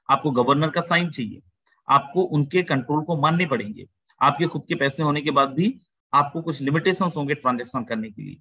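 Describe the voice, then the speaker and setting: A man hosting an online video-call webinar, giving a persuasive sales pitch and often calling the listeners "my friend". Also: a bit bright, slightly rough, dry recording, low-quality recording. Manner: persuasive, addresses listeners as "my friend", mixes English phrases. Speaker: webinar host.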